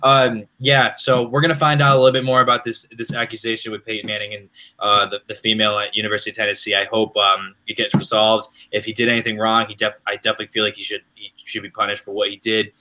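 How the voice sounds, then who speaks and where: A young man co-hosting a podcast, talking in an animated, rambling way with frequent restarts. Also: fairly low pitch, fast, hardly any pauses. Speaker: podcast co-host. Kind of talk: casual chat.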